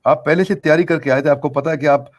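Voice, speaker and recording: A man's voice: fairly high pitch, steady tone, fast. A middle-aged man answering interview questions in an earnest, emphatic way, repeating key phrases for effect. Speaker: business coach being interviewed.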